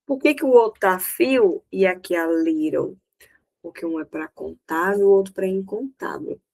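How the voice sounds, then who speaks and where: A woman's voice: mid-range voice, poor audio. A woman with a Brazilian Portuguese accent teaching English in a recorded lesson, explaining step by step and often checking that students follow.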